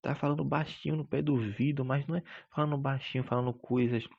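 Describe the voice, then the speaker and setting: Gravelly preachy school teacher. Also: male voice, mid-range voice, steady tone, fast, a little mellow, highs cut off. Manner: preachy, emphatic, drawing out key words and addressing listeners as brother. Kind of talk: Bible lesson teaching.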